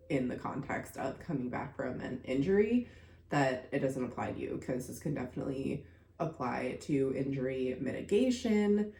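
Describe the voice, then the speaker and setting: The speaker is a young woman hosting her own podcast, a contortion coach who chats casually with many fillers. She is congested from a recent illness, and her low-pitched, dark-toned voice rings in an echoey room.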